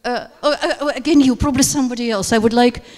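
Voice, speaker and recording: Speaking at a quick pace in a fairly high, slightly mellow voice, a teacher trainer leads a workshop lecture. Russian is her first language, and she hesitates a lot, using many fillers. She holds a handheld microphone in a seminar room, and the sound has hall reverb.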